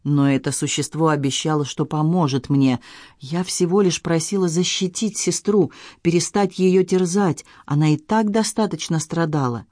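A man's voice: fairly high pitch, fairly even intonation, normal speed, darkish tone, dry recording, studio quality, natural voice. A man voicing a tearful, guilt-ridden young woman confessing in an audiobook. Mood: bitter. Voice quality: pleading, sobbing delivery.

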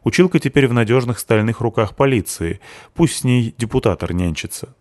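A man's voice: medium pitch, lively intonation, a little fast, darkish tone, dry recording. A man narrating a first-person audiobook in a dry, wry manner.

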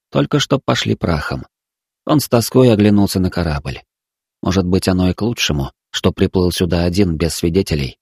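Guy reading a story out loud, lowish voice, dry no room. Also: breathy edge, dry recording. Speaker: narrator. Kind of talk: audiobook reading.

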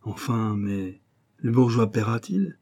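A man reading an audiobook and voicing a brash, greedy young street rascal who talks in a cocky, slangy, excitable way. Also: lowish voice, slow, slightly rough, heavily acted. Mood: excited.

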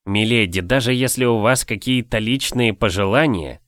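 A man's voice: medium pitch, normal speed, fairly bright tone, no echo, lightly acted. A man voicing a head cook in an audiobook, answering with curt, coolly polite irritation.

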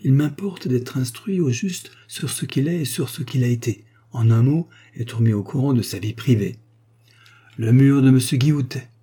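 A man voicing a shrewd lawyer on a secret errand, measured and businesslike. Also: mid-range voice, mellow, slightly rough, natural voice. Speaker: character in an audiobook.

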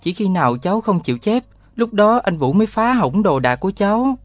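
Man doing a young stubborn grandson, earnest and insistent, pitched up and louder than the narration. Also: sing-song, brisk, no room sound, soft background music.

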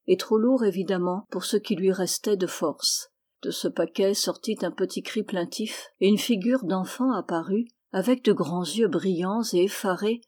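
A woman narrating a classic novel as an audiobook, in a measured, steady storytelling manner. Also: mid-range voice, breathy edge.

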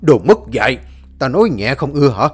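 A man voicing a furious, bullying older village father who shouts coarse threats. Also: mid-range voice, sing-song, measured pace, husky, faint music behind, exaggerated voice.

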